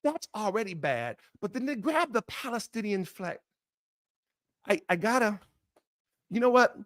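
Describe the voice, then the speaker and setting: A middle-aged man hosting a live commentary show, talking off the cuff in an impassioned way that turns halting and apologetic. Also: high-pitched, sing-song, a bit bright, dry recording, studio quality. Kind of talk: unscripted live commentary monologue.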